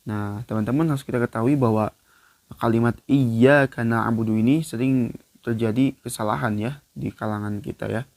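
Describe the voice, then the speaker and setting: A man gives a relaxed recitation lesson, talking through the rules with plenty of filler words. He breaks into slow, louder chanted verses now and then. The sound is close and dry, with a middle-pitched voice. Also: no echo. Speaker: Quran recitation teacher.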